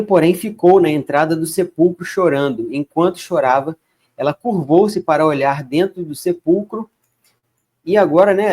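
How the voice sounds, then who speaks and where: A man with a fairly high voice reads scripture aloud. He keeps stopping to add casual, conversational remarks before going back to the text. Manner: reads verses then comments in relaxed chatty asides. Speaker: bible reader. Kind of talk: casual bible reading with commentary.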